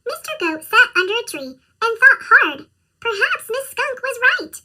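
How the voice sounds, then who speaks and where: A woman's voice: extremely high pitch, very animated, unhurried, bright, forceful tone, far from the mic. A woman narrating a children's storybook, her voice sped up with a chipmunk effect.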